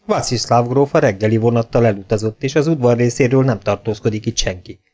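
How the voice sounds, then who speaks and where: A man reading aloud voices a calm, courteous chief physician. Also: medium pitch, natural voice. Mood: explaining. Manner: calm and courteous, easy smile. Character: affable older male chief physician.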